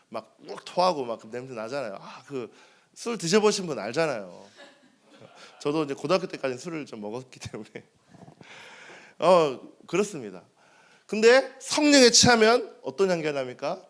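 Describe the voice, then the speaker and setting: Male pastor, 30s, animated sermon delivery, frequent rhetorical questions to the pews. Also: fairly high pitch. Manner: lively, asks the congregation questions and answers them. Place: church sanctuary.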